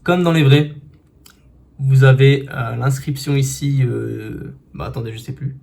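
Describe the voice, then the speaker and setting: Male tech vlogger, mid-pitched and warm, talking through an unboxing on a phone, loose and chatty. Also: unhurried, creaky. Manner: chatty, with many fillers and restarts. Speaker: tech reviewer. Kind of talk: casual unboxing review. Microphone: phone camera.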